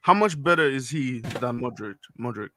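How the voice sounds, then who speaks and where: A man's voice: medium pitch, animated, moderate pace, pushed and bright, slight background noise. A man aged twenty in casual chat about football, skeptical and questioning, hedging with like. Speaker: podcast co-host.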